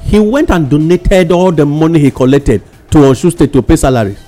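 Higher-pitched Nigerian man, Pidgin-mixed radio commentary. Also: expressive, dark tone, faint music behind. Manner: emphatic, halting, repeats himself. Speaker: radio talk show panellist. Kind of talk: casual current-affairs commentary mixing English and Nigerian Pidgin.

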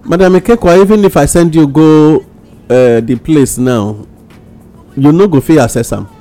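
A man's voice: on the high side, normal speed, mellow, faint music behind. A Nigerian man speaking Nigerian Pidgin as host of a radio talk show discussion.

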